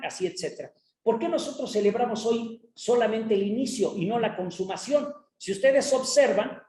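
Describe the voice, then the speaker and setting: A woman's voice: on the high side, a little mellow. A Mexican woman who teaches gives an explanatory academic panel talk, checking in with her listeners as she goes. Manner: explanatory lecturing, tag questions to listeners. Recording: roomy echo.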